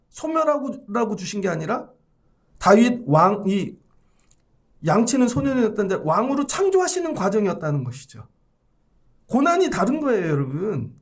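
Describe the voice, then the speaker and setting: A male pastor in full sermon with a high, gravelly voice that swings wildly up and down. He preaches dramatically and slips into voices for the people he quotes, moving from loud exclamations to low murmurs. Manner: dramatic, acts out quoted voices with big swings in pitch and loudness.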